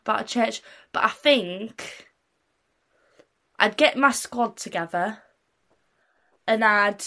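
A woman's voice: mid-range voice, takes it slowly, sharp tone. A sixteen-year-old girl from Britain, a young singer answering interview questions in a casual, giggly, rambling way with lots of fillers. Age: teens.

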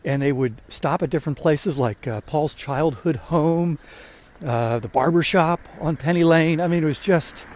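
A man's voice: a little high, normal speed, darkish tone. A man in his sixties hosting a walking podcast, chatting casually and rambling a little as he walks outdoors. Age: 60s. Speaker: podcast host. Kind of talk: casual talk while walking. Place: outdoors on a walk.

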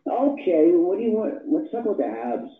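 Guy from manitoba on speakerphone, high lively voice, tinny echoey phone line. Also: a little fast. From Manitoba, Canada. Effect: on speakerphone over a phone line. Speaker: caller. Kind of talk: call-in radio chat.

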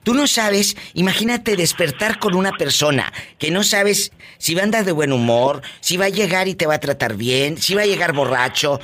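A man's voice: sits high, lively intonation, normal speed, hardly any pauses, sharp tone. A man from Tamaulipas, hosting a live radio call-in show in a flamboyant, teasing, campy way. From Tamaulipas, Mexico. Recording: music playing behind.

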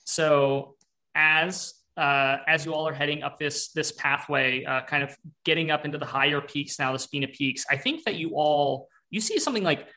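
Un master maschile dalla voce brillante e un po' alta che narra una partita di ruolo in modo rilassato, pieno di esitazioni. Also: male voice, on the high side, moderate pace, sharp tone. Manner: loose, filler-heavy narration with frequent restarts. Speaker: game master. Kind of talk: narrating a tabletop game.

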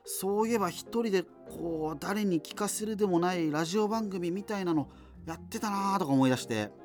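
A man with a high-pitched, darkish voice speaks a little fast and lightly acts the part of an amateur solo radio host in a doomed future. Soft music sits behind his scripted radio-drama monologue, which rambles chattily, digresses, breaks off mid-thought, and tosses in casual asides.

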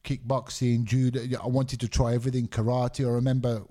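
A brisk, dark-toned, mid-range voice with a level delivery belongs to a middle-aged man who was born in Scotland and grew up in England. As an MMA referee guesting on a casual podcast, he talks frankly and rambles, dropping lots of fillers.

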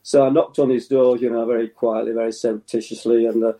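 Dark-voiced older man reminiscing. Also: mid-range voice, little pitch movement, poor audio. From England. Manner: halting, with many fillers and restarts and frequent chuckles. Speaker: former footballer, guest. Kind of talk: relaxed reminiscing interview.

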